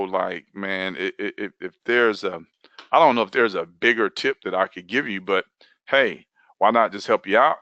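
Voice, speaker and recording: Animated man repeating himself for emphasis. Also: lowish voice, no echo, lo-fi sound. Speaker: online video coach. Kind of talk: live online training session.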